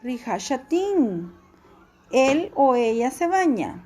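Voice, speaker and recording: A woman's voice: sits high, big pitch swings, slow pace, dark tone. A woman teacher giving a classroom language lesson, patiently repeating each verb form for her students.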